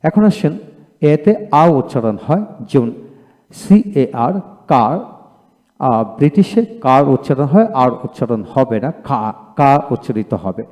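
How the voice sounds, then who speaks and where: Male language teacher, patient drilling delivery, warm dark voice. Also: medium pitch, big pitch swings. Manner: drills word pairs slowly, repeating each twice. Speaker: spoken English teacher. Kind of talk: classroom-style pronunciation lesson. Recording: roomy hall reverb.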